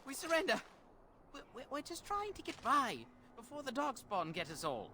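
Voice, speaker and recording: A high, smug bandit boss. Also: male voice, wildly swooping pitch, normal speed, bright, forceful tone, a little hiss or hum, exaggerated voice. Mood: groveling. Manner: sly, sarcastic, then groveling. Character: smug bandit leader running a fake toll.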